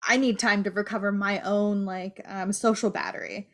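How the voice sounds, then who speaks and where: A woman's voice: mid-range voice, steady tone, moderate pace. A woman co-hosting a podcast in candid, casual chat, swearing now and then. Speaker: podcast co-host.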